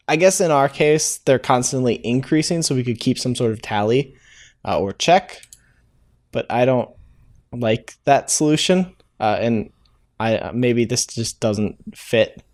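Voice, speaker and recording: Thinking aloud as he writes code, a man hosts an informal live-coding tutorial in a mid-range, slightly mellow voice. He leans on "uh" a lot and keeps correcting himself, with the sound of typing and clicking underneath.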